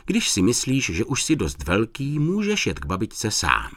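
A man voicing a patient but firm young mother in a storybook reading, speaking gently yet strictly. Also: lowish voice, wildly swooping pitch, no echo, voice pushed up, exaggerated voice. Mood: serious. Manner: gentle, then stern.

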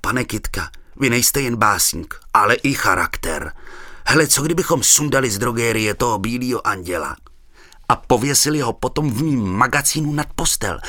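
A man's voice: mid-range voice, expressive, sharp tone, no room sound, clean studio sound. A man voicing a small-town undertaker who is eager and fretting, spilling out ideas.

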